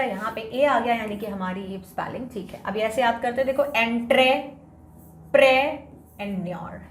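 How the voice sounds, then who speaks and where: A young Indian woman teaching an exam-prep spelling lesson, spelling words out letter by letter and switching between Hindi and English. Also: on the high side. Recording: echoey room with faint background hiss.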